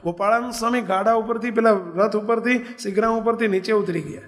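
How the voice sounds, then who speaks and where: High-voiced man preaching in a hall. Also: brisk. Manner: animated, rhetorical questions to the audience. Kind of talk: storytelling sermon. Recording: long hall reverb.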